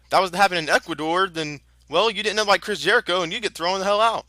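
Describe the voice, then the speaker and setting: A male lucha libre announcer talks fast in a high, sharply bright voice, recorded close and dry. He blends wrestling play-by-play with promotional plugs, chatty and informal and full of exclamations.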